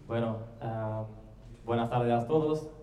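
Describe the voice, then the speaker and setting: A man with a Portuguese accent mixes Spanish and Portuguese as he gives halting answers as a new player at a press conference. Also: medium pitch, warm tone. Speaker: newly signed athlete. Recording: roomy, distant mic, faint noise.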